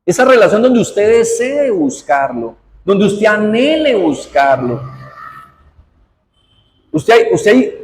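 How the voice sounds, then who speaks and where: A man preaching a sermon, reading scripture aloud and prompting the congregation with questions. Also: high-pitched. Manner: asks the congregation questions as he reads; uses formal usted address. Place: church hall. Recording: hall reverb, faint noise.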